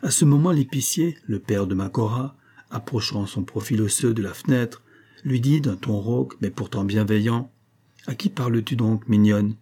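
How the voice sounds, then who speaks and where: A man reading a classic novel aloud as an audiobook, in a measured, earnest first-person storytelling manner. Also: mid-range voice, mellow, breathy edge. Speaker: audiobook reader. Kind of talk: literary audiobook narration.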